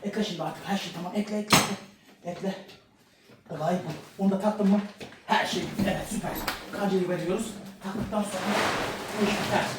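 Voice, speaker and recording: Man, father, rapid-fire commands, repeats himself, very echoey room, mic far away, noisy background. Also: high-pitched, steady tone. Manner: fast, giving orders, repeats himself. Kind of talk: family vlog, playful bossy chatter. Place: home living room.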